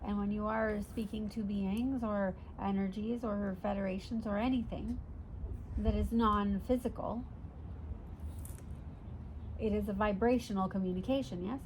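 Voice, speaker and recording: A woman in trance plays a channeled spirit guide, in the manner of a seance medium. The phrasing is formal and oddly ordered, patient and instructive, with a questioning "yes?" closing many thoughts. Birds and clear ambient noise sit behind the voice. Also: medium pitch, steady tone, unhurried, pauses often, a little mellow, natural voice. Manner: formal unusual syntax, ends statements with questioning "yes?". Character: Simon, a channeled non-physical spirit guide, patient teacher. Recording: noisy ambient recording with birdsong. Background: birds calling, ambient noise.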